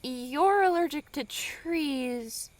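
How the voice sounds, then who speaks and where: A woman's voice: sits high, extremely slow. A woman voicing a practical, bossy young girl who reassures her friends matter-of-factly.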